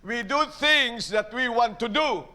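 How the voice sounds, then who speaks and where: High-voiced pastor preaching a sermon. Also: male voice, lively intonation, slow pace, bright, forceful tone. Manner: mixes preaching with playful asides to the congregation. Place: church.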